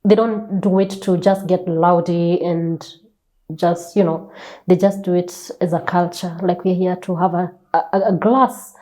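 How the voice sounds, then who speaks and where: Poor audio captures a Kenyan woman whose voice is on the low side, dark in tone, steady, and a little slow. As a guest author in a conversational interview, she tells stories with emphasis, repeating phrases and asking rhetorical questions animatedly.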